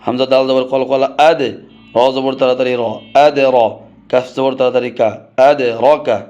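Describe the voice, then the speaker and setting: A man's voice: mid-range voice, completely flat delivery, normal speed, darkish tone, lo-fi sound. Man chanting a rhythmic spelling drill. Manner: rhythmic, chanting recitation of letters. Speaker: Quran reading teacher.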